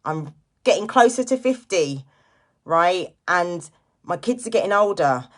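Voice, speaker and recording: A woman in her late forties hosts a casual motivational live stream as a direct seller, talking informally and straight to her listeners. Her fairly low voice is expressive and a little slow, and she repeats key phrases for emphasis.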